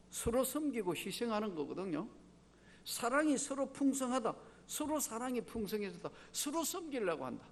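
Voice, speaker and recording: An older emeritus pastor from Daegu, in South Korea's Gyeongsang province, preaches with a Gyeongsang Korean accent in a large hall. His high-pitched voice is emphatic as he poses rhetorical questions to the congregation.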